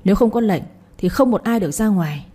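A woman's voice: mid-range voice, lively intonation, fast, breathy edge. A woman playing a commanding village lord. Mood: furious. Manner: barking orders, shouting. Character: angry landowning lord, male, commanding.

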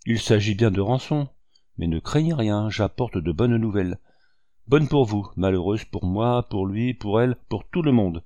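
A man's voice: lowish voice, expressive, normal speed, dark tone, dry recording, muffled recording, natural voice. Man reads a young male servant: urgent, imperious, dry close recording. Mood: urgent, commanding.

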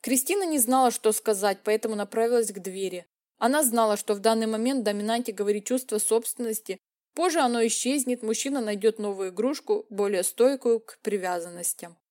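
Warm-toned woman narrating a romance. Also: fairly high pitch, brisk. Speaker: audiobook narrator.

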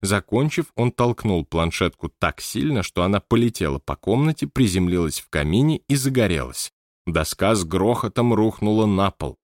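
A man narrating an audiobook in a steady, even storytelling manner. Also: on the low side, moderate pace, no room sound, studio quality. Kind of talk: scripted narration.

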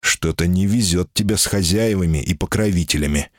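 A man's voice: low voice, brisk, dry recording, clean studio sound. A man voicing a proud, impatient male jinni in human form, curt in his speech, in an audiobook reading.

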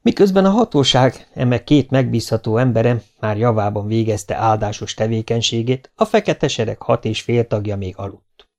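Male audiobook narrator, gravelly, steady storytelling, average pitch. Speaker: audiobook reader. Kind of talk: reading a children's novel aloud.

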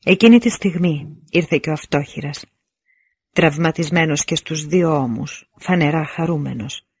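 A man narrating an audiobook in a measured, deliberate reading with dramatic pauses. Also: on the high side, husky, no room sound, highs cut off.

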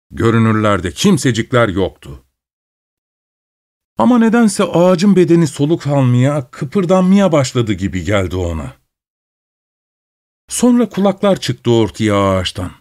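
A man reading a folk tale aloud as a storyteller, lively and expressive, with acted-out exclamations. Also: medium pitch. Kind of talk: scripted narration.

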